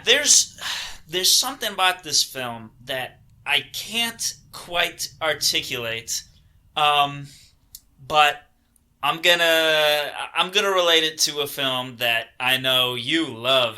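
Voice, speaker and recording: A young man co-hosting a podcast, talking casually about films in a slow, searching way with many pauses and restarts. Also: a little high, bright, forceful tone. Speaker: podcast co-host. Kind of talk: casual film discussion.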